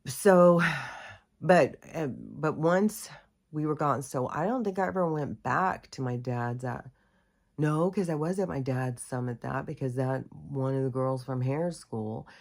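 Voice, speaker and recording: A woman's voice: a bass voice, unhurried, a little mellow. A middle-aged woman from the United States telling a personal story in a rambling, candid way, full of fillers and self-corrections. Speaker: host. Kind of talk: casual storytelling monologue.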